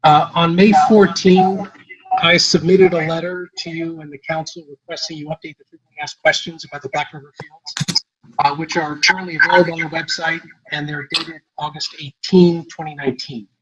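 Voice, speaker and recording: A man giving public comment at a council meeting by phone. The call audio is glitchy and keeps breaking up. He is polite and apologetic, halting with many "uh"s. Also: fairly high pitch, level tone. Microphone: phone dial-in. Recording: muffled lo-fi call line with faint noise.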